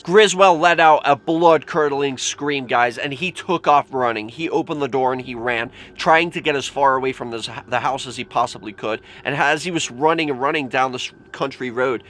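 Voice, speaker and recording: A man's voice: mid-range voice, fairly bright tone. A man telling scary stories in a casual, informal vlog style, with lots of filler "like". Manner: informal, mild swearing, frequent "like". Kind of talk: casual spoken storytelling. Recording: clearly noisy with background ambience.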